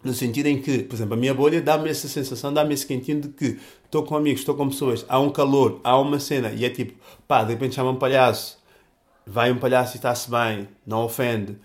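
A young man with a European Portuguese accent talks through his thoughts in a loose, casual monologue. He speaks at a middling pitch, leaning heavily on slang, fillers and restarted phrases as he goes. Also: fairly even intonation, fast talker.

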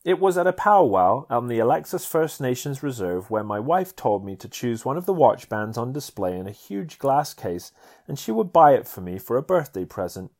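A man's voice: medium pitch, big pitch swings, normal speed, a little mellow. A man from Canada reading a chapter of his memoir aloud, earnest and testimonial. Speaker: narrator.

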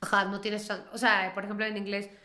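A woman's voice: mid-range voice, level tone, a little fast, sharp tone. A woman in her thirties, a singer-songwriter talking casually in an interview, chatty and often trailing off to restart. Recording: roomy echo.

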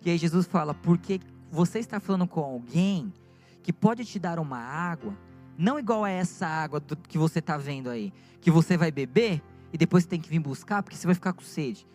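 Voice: mid-range voice, animated, fairly quick, a little mellow, soft background music. A preacher with a Brazilian Portuguese accent, retelling a Bible story in vivid everyday speech before building to fervent exhortation in a sermon.

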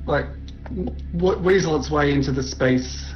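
A man talking casually as a tabletop game player, a little halting as he works out his moves. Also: on the high side. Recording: dull lo-fi audio. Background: music.

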